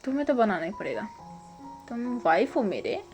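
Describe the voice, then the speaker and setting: A woman's voice: on the high side, sing-song, normal speed, a little mellow, soft background music. A woman voicing a smug, shameless young husband who bosses and mocks his partner, in a casual spoken retelling. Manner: bossy, mocking drawl. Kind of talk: casual storytelling with voiced lines.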